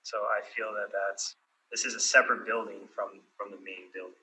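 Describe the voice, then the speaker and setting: A man testifying as a city assessor, heard over a remote call that breaks up, answering questions in a halting, hesitant way. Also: on the low side, fairly even intonation, sharp tone, roomy sound, rough recording. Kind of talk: testimony under cross-examination.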